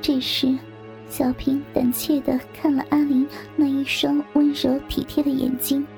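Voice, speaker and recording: Female story narrator, high pitched, gravelly, hushed reading, faint background music. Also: flat delivery, measured pace. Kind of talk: scripted narration of an erotic story.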